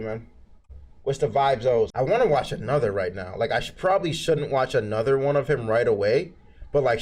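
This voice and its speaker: A young man with a lisp chatting casually on his live stream, hyper and excitable as he reacts to videos. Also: mid-range voice.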